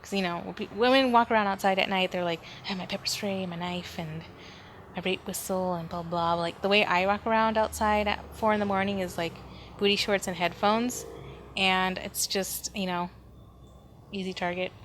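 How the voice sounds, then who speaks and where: A woman hosts a solo podcast from home, talking casually and rambling as she thinks aloud. Her medium-pitched voice is steady and fairly bright, at a moderate pace. Street noise and ambient room sound are audible in the background.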